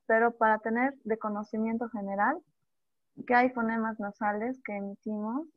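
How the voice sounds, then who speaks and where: A woman teacher with a fairly high voice explains a lesson and sounds out each example slowly, one at a time. The recording is dry and dull, like a lo-fi mic. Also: dry recording. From Bolivia. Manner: demonstrates speech sounds slowly and repeats examples. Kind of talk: online language lesson.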